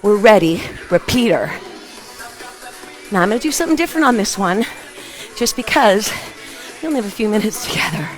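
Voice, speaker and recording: Woman, aerobics instructor, energetic and encouraging, medium pitch, punchy exercise cues, music behind. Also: brisk, pauses often. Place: open living room at home, indoors.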